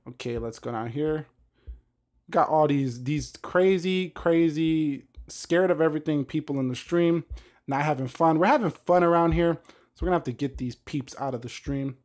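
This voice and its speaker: Man, slightly high voice, loose chatty live-stream host reacting to viewers. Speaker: tech YouTuber hosting a live stream. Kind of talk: casual live-stream chat.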